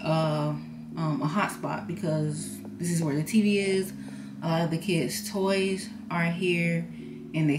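A young woman casually walking through her apartment on camera, rambling with lots of fillers and restarts. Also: low voice. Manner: rambling, filler-heavy, self-correcting. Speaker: home vlogger. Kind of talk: casual home tour narration. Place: small apartment, indoors.

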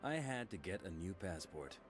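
An actor playing an earnest, cool and terse police hero in a video game. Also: male voice, low voice, very animated, normal speed. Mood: concerned. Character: earnest heroic young male police officer, cool and terse. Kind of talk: animated game cutscene acting. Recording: loud music over dialogue.

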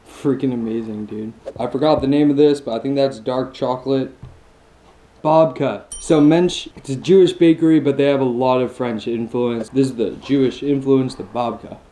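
A man's voice: mid-range voice, fairly even intonation, normal speed, dark tone. A man in his twenties giving a casual mukbang tasting review, enthusiastic and chewing between lines with long mmm sounds. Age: 20s. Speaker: food vlogger.

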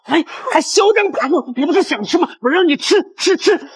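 A man's voice: very high voice, expressive, a little fast, a little hiss or hum. A man acting an arrogant factory supervisor in a short drama skit, taunting and jeering at staff. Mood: mocking. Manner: taunting, jeering, often laughing. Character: arrogant bullying male factory supervisor, mocking.

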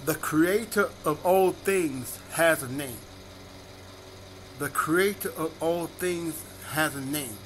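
A male minister delivering a sermon, reading scripture aloud and repeating each verse reference slowly and deliberately. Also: on the high side, a bit bright, a little hiss or hum.

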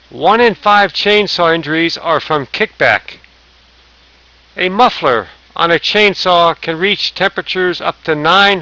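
A man's voice: a little high, sharp tone, dry recording, low-quality recording. A man narrating a safety training slideshow, reading lists aloud with small slips and restarts. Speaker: safety instructor.

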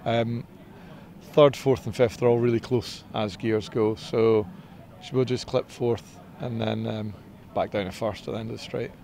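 A middle-aged man, a racing driver, answering interview questions outdoors in a paddock in a relaxed, modest way. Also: mid-range voice, moderate pace, creaky, a little hiss or hum. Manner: relaxed and modest, with filler ums. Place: outdoors in a race paddock beside a team truck. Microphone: interviewer's handheld mic.

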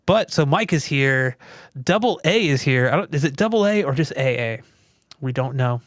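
A man's voice: mid-range voice, lively intonation, normal speed, no room sound, studio quality. A man hosting a casual livestream podcast from a home theater room, explaining things in an easygoing way with lots of fillers. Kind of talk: casual tech chat.

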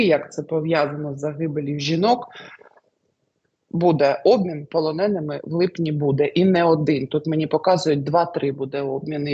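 Husky woman musing over predictions. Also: low voice, darkish tone, muffled recording. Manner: hesitant, many fillers and trailing lists. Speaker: astrologer answering questions. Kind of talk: casual spoken predictions.

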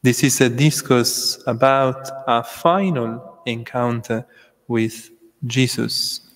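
A man preaches a homily at a pulpit microphone, his voice carried through a large church with a long, lingering echo. He takes his time, pausing between short phrases as he speaks in a measured, unhurried way. His pitch sits in an ordinary middle range. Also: steady tone. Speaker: priest. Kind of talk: homily at Mass.

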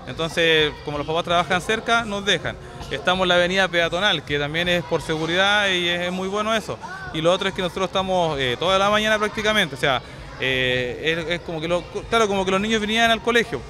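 A man's voice: high voice, animated, fast talker. A man interviewed outdoors on a pedestrian street, speaking hesitantly with many restarts and fillers. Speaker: summer school staff member.

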